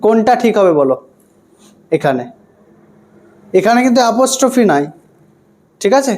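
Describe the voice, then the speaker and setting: A man's voice: sits high, sing-song, moderate pace, a little mellow. Male teacher who keeps checking understanding. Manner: repeats points and keeps asking students for confirmation; asks questions and answers them himself. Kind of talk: online grammar lesson.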